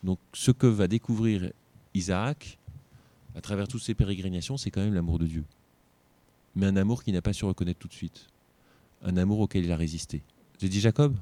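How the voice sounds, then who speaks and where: A man's voice: low voice, moderate pace, long pauses, warm tone, no room sound. A tired man teaching an informal Bible lesson, reading scripture aloud and breaking off for joking asides.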